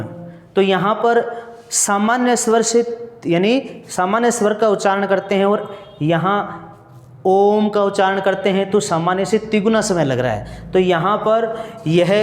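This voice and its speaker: Slow, high-voiced man teaching in an echoey room. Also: darkish tone. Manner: explains step by step, asks questions and answers them himself; repeats key points. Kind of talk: Hindi grammar lesson for exam students. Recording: echoey room with long reverb.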